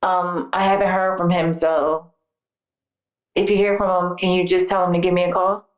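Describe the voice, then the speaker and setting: An actress playing a worried wife who leaves halting voicemail messages for her missing husband, heard played back. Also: on the low side, little pitch movement, roomy sound, poor audio. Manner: anxious, halting, with hesitant fillers.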